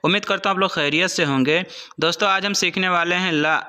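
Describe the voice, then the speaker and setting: A man teaching spoken phrases to his channel's viewers, with a bright, forceful voice. He says each phrase slowly, repeats it several times, then drops into quicker, chatty remarks. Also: sits high, smooth. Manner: quick, chatty asides between drills. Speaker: Arabic teacher and channel host. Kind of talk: spoken-language lesson in Hindi.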